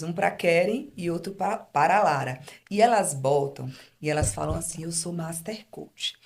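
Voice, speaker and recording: A woman host with a low voice and plenty of vocal fry leads the interview. She is expressive and often turns to speak directly to the audience. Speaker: host and coach. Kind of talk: interview conversation.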